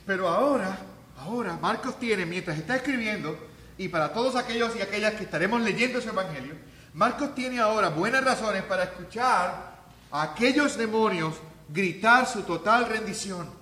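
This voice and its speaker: A man preaching a sermon as pastor, talking conversationally, then rising to loud, emphatic peaks. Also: sits high, lively intonation, normal speed, roomy sound.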